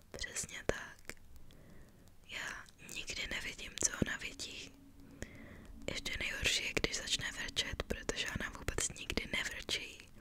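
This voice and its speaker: A young Czech woman whispering softly as she walks her dog along a forest trail, chatting in a gentle, storytelling way. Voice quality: fully unvoiced whisper. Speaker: ASMR vlogger. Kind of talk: whispered walking vlog. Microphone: body-worn camera while walking.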